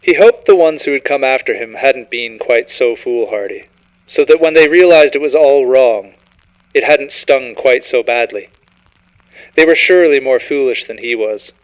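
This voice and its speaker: A man's voice: mid-range voice, clean tone, low-quality recording. A man reading a scripted horror story as narrator, in a dramatic, ominous storytelling manner.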